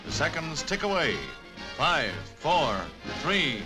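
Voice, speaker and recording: Male narrator, old newsreel style, declamatory, raised pitch, over loud music. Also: sing-song, takes it slowly. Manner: dramatic, declamatory delivery. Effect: old 1950s newsreel sound.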